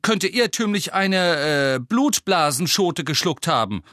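A man's voice: on the high side, animated, pushed and bright, no room sound, clean studio sound, voice pushed up. A man voicing a hesitant teenage boy. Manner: hesitant, halting with fillers. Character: uneasy teenage boy twin.

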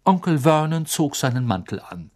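An audiobook reader narrating a story with dramatic expression. The delivery is animated, with wide swings in pitch. The voice sits at a middle height. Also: normal speed.

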